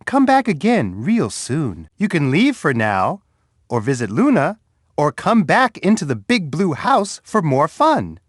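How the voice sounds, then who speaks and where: A man voicing Bear, a big, friendly bear who guides young children through an edutainment game, talking to them warmly and patiently. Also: a little high, huge pitch swings, measured pace, dry recording, clean studio sound, heavily acted. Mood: friendly, coaxing. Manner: warm, patient, talks straight to a young child. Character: big friendly male bear host, gentle and encouraging.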